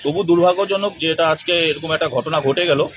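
A man in his thirties with an Indian Bengali accent answering an interview outdoors as an officer, with clear background noise. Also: fairly high pitch, brisk, a bit bright, soft background music. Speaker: forest range officer. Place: outdoors on open green with trees.

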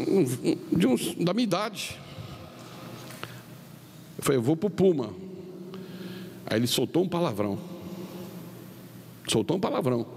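A middle-aged Brazilian man preaching as a pastor, telling a story with quoted dialogue and swinging his pitch up and down. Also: gravelly, a little mellow. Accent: Brazilian Portuguese. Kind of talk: sermon storytelling. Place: large arena. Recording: long reverb of a large arena, faint noise.

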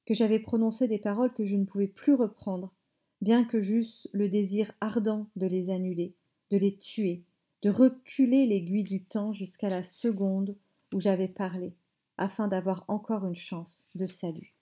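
A woman teacher reading a novel aloud in measured phrases, stopping to explain words. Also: mid-range voice, fairly even intonation, mellow. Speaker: French teacher.

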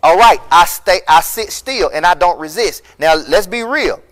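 A middle-aged pastor preaches a recorded sermon in an empty church hall, impassioned and emphatic, rising to loud peaks. His high-sitting voice is expressive at normal speed, picked up on a lapel mic.

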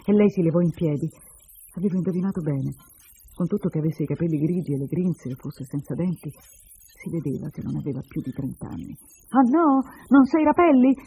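A man reading a short story aloud in a measured and expressive first-person narration. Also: on the high side, husky, poor audio. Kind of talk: literary reading.

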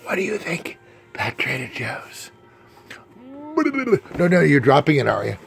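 A man's voice: medium pitch, lively intonation, unhurried, vocal fry. A man playfully narrating a casual home video of his young child at home, teasing and chatty. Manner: playful, teasing running commentary. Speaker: parent filming his child.

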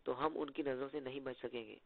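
A man's voice: medium pitch, fairly even intonation, fairly quick, vocal fry, no room sound. A man reading as a cautious desert guide. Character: serious, cautious male local guide. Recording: tinny phone-like lo-fi audio.

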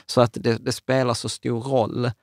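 A man in his thirties co-hosts a podcast, speaking in a mid-range voice with a level tone. In a casual conversation he explains things with enthusiasm, restarting himself, dropping fillers, and gesturing as he goes. His voice goes into a big table-mounted studio mic in a small room, and there's no room sound.

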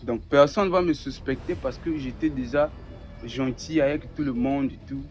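A man's voice: medium pitch, moderate pace, soft background music. Young man, lo-fi. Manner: animated, repeats words, acts out dialogue. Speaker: guest giving a testimony. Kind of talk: personal testimony storytelling. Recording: dull lo-fi recording.

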